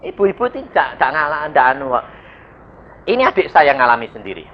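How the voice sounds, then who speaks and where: A man, an evangelist preaching a sermon in a lively storytelling way, acting out voices and sound effects. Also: medium pitch, brisk, a little hiss or hum. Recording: dull lo-fi sermon recording.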